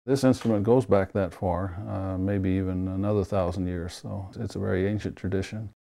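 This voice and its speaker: Picture a low-voiced man with a gravelly, dark tone, calmly explaining how he builds instruments. He's from Sweden and talks at an easy pace, pausing with an occasional "uh" as he thinks. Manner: unhurried, explanatory, with fillers. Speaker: instrument maker. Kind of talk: interview.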